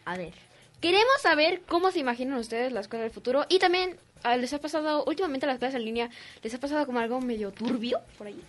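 A teenage girl with a Mexican Spanish accent, co-hosting a youth radio show and telling a story in a casual, animated way, acting out the voices. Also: high voice, fast talker. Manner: animated, acts out voices in her story, giggly. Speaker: young radio co-host. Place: radio studio.

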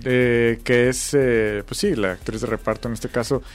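A man's voice: mid-range voice, fairly even intonation, normal speed, dry recording, faint music behind. Rambling man chatting about film. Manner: rambling, hesitant, many fillers. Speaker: podcast co-host. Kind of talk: casual chat about film awards.

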